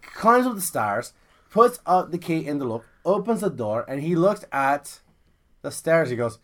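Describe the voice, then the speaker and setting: A man's voice: on the high side, measured pace. A man co-hosting a podcast, telling jokes and stories in casual banter, swearing a lot and acting out the voices. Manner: animated storyteller who swears a lot and acts out voices. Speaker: podcast co-host.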